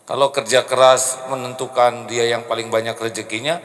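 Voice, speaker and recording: A middle-aged man with a Sundanese accent giving a joking, animated sermon on a handheld mic in an indoor hall. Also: moderate pace. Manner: animated, joking, big pitch jumps. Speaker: preacher. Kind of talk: humorous sermon. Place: indoor hall with carved wooden panels. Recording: long reverb of a hall.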